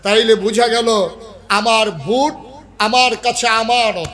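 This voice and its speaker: A male preacher, his voice pitched high. He tells anecdotes in rustic dialect and rises into loud, ringing exhortation. The tone is sharp and bright. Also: slow. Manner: acts out dialogue in rustic dialect, then builds to shouting exhortation. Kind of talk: sermon with storytelling.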